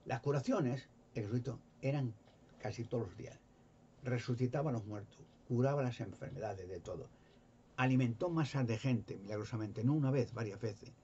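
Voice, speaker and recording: Here a lay preacher with a Spanish accent from Spain talks at a normal speed in a mellow, mid-range voice. His informal preaching wanders through Bible stories, repetitive and marked by stammered restarts, on a slightly dull recording with faint background noise.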